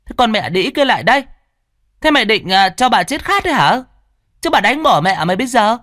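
A man's voice: high voice, sing-song, bright, forceful tone, dry recording, studio quality, voice pushed up, heavily acted. A man voicing a greedy, abusive old landlady who screeches and scolds. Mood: shrill scolding. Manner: screeching, scolding, drawn-out fillers.

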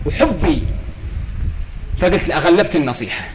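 A man's voice: on the high side, lively intonation, fairly quick, background noise. A man giving a religious lecture, telling stories in a fervent, pleading way. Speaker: preacher.

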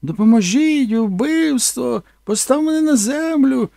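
A man's voice: very high voice, animated, unhurried, creaky, warm tone, no echo, studio quality, voice pushed up, full character voice. A man doing a shrieking furious actress woman. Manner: shrieking, scolding. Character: shrill furious glamorous film actress woman. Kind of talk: audiobook character voice.

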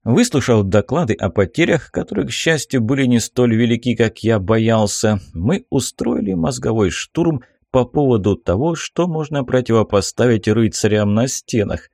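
A man reading a first-person fantasy novel aloud as an expressive audiobook narrator. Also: medium pitch, moderate pace, creaky, few pauses, no echo, studio quality.

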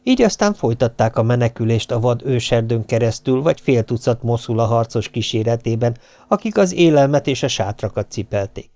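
A man giving a steady, measured audiobook narration. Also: medium pitch, no echo. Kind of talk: scripted narration.

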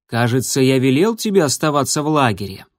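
A man's voice: medium pitch, big pitch swings, fairly quick, no echo, clean studio sound, close to an everyday voice. A man voicing a loyal, earnest young male warrior cat in a storybook reading, a little defensive. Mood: stern.

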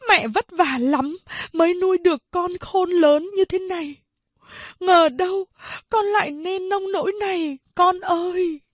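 An older mother frets and pleads over her son, who has lost his mind, as a woman reading the story puts her on. Her husky voice moves slowly and sits somewhat high. The sound is close and dry, as in a storybook reading. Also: darkish tone, dry recording. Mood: wailing. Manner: wailing, pleading.

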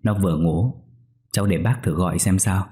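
A man's voice: low-pitched, normal speed, natural voice. A man voicing an elderly father who calls out and breaks into a cracking, wailing cry. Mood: hesitant. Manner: calls out loudly, voice cracking into a wail. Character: elderly father, anxious then grief-stricken.

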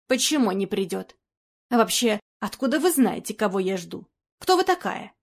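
A jittery aging actress, flustered and anxious, her questions tumbling out one after another, as a woman reads her in a storybook. She sounds uneasy and quick to startle. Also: mid-range voice, sing-song. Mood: alarmed. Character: nervous aging woman film actress, jumpy.

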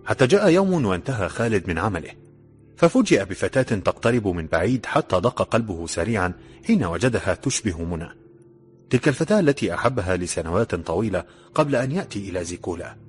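Man narrating a story, very low voice, steady and dramatic, faint music behind. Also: fast talker. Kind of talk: audiobook narration.

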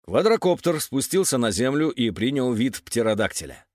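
A man narrating a children's story in an animated storytelling manner. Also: medium pitch, moderate pace, dry recording, studio quality.

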